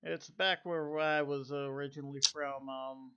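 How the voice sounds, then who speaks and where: Man doing a young farm boy, bad southern drawl, slow, halting, a bit gravelly. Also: on the high side, flat delivery, pushed and bright, lo-fi sound. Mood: wistful. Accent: bad southern US put-on.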